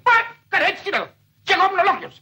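An actor playing a flustered, indignant male schoolteacher in an old film comedy, shrill and pleading. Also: big pitch swings, sharp tone, a little hiss or hum, exaggerated voice. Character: flustered indignant male schoolteacher, fussing over burnt suit. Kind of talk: 1950s Greek film comedy acting.

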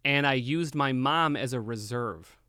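A young man telling a story in casual chat, animated and swearing freely. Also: mid-range voice, unhurried, dry recording, studio quality. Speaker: podcast guest.

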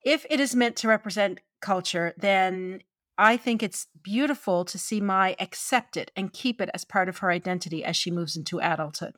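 A woman from gives conversational opinion commentary on film, expressive and opinionated, with wry asides. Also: mid-range voice, normal speed, dry recording, clean studio sound. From Newfoundland, Canada.

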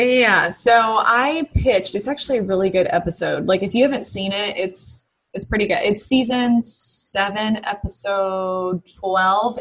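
A woman business founder talking casually as an interview guest, animated and quick, with many fillers. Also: mid-range voice, rough recording.

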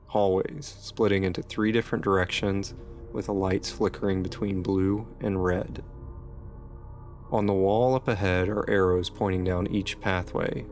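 A man narrating a first-person scripted horror story in a steady, suspenseful way. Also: sits low. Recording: music bed behind narration.

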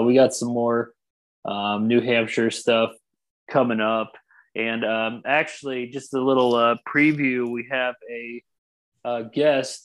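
A man's voice: medium pitch, rough recording. Dry-joking male podcast host. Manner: dry, mock-serious banter. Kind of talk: casual comedic podcast chat. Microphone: video call.

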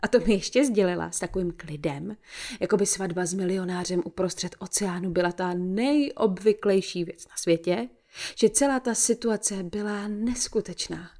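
A woman reading a first-person novel aloud in a measured storytelling voice with a dry, ironic edge. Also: medium pitch, warm tone. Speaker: audiobook narrator.

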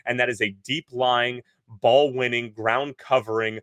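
A man co-hosting a casual sports podcast, recording from inside a clothes closet at home and breaking down the news with quick energy. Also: mid-range voice, steady tone, fairly bright tone, clean tone, dry recording. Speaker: podcast co-host. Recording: dry, deadened closet sound.

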